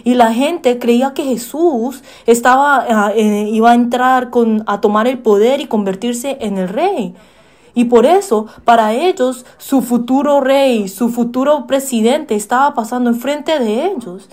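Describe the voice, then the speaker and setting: A woman's voice: on the high side, measured pace, a little mellow. A woman preaching a sermon, asking the listeners questions, with frequent hesitations and fillers. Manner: asks the listeners questions and acts out quoted pleas.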